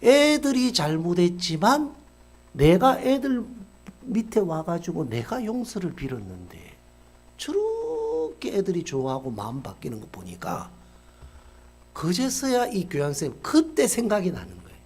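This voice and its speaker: A man's voice: normal speed, breathy edge. A middle-aged male pastor telling a story in a sermon, acting out the people in it with sudden shifts in voice. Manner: acts out quoted characters with lively swings in pitch and loudness.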